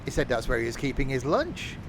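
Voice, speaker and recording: A man in the middle of his range, talking loosely and sarcastically as he streams a train game. Faint engine and track sounds sit quietly behind his voice. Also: medium pitch, big pitch swings, a little fast, noisy background. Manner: chatty, self-mocking sarcastic asides. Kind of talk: live game stream commentary.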